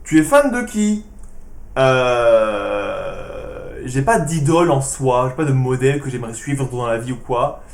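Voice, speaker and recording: A man answering fan questions in a casual vlog, with dry, sarcastic replies in a hushed voice. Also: medium pitch, lively intonation, a little slow, roomy sound.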